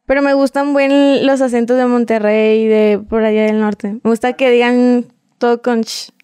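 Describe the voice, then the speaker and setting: A woman's voice: on the high side, flat delivery, moderate pace, warm tone, clear, resonant tone, no echo, clean studio sound. A young woman with a Mexican accent, chatting shyly and giggly as an interview guest. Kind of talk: casual interview chat.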